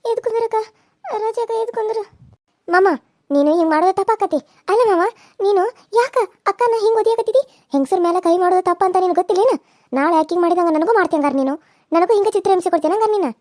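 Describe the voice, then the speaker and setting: A woman voicing a shrill, pleading young village woman. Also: warm tone. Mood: alarmed. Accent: North Karnataka Kannada. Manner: pleading, rapid questions. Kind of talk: cartoon serial voice acting.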